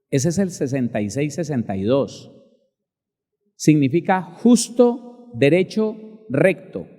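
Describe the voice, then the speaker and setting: A male pastor preaching a sermon emphatically, spelling out words slowly and addressing listeners directly. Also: a little high, dark tone, long reverb tail.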